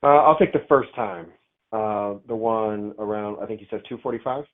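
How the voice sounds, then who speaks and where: A lowish-voiced man, a property owner, chats casually at normal speed on a phone call, easygoing and hesitant while he thinks aloud. The sound is that of a narrow, tinny phone line.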